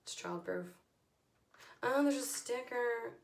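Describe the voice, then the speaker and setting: Hoarse woman chatting in an echoey room. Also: a little high, slow, slight background noise. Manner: chatty, informal, slangy. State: hoarse, voice nearly gone. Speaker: beauty vlogger. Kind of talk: casual product review to camera.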